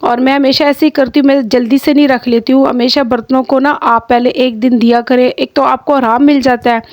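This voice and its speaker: A woman's voice: high voice, fairly even intonation, fairly quick, dry recording. A middle-aged woman with a Pakistani Urdu accent and a slightly sore throat, chatting to viewers in a rambling home vlog, full of fillers and restarts. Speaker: vlogger, homemaker. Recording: dry close sound.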